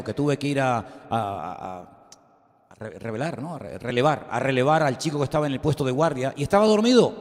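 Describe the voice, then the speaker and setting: A middle-aged man preaching a sermon the pulpit, emphatic and full of rhetorical questions to the congregation. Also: fairly high pitch. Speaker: pastor. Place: church sanctuary. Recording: long church reverb.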